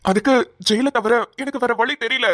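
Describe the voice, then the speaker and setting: A woman's voice: on the high side, steady tone, a little fast, no echo, studio quality, close to an everyday voice. A woman voicing an earnest, protective young male police officer in a cartoon, talking urgently and stammering at times. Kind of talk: cartoon voice acting.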